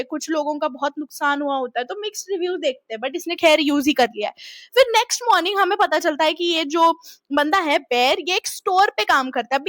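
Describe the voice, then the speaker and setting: A young woman casually recapping a film plot in an animated way, acting out quick bits of the characters' lines. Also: extremely high pitch, dry recording, clean studio sound. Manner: animated, quotes characters in little acted bits. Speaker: movie explainer.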